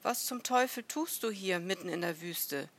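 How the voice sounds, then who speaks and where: A woman's voice: fairly low pitch, expressive, moderate pace. A woman voicing a young boy prince who calls out boldly but warily in a storybook reading. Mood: calling, wary. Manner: calls out loudly, challenging.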